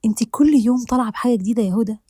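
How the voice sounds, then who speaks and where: A woman voicing a lively, quick-tongued young woman who jokes with a playful bite, speaking with an Egyptian accent. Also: on the high side, breathy edge, no room sound, clean studio sound. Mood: teasing. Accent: Egyptian Arabic. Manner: teasing, playful banter.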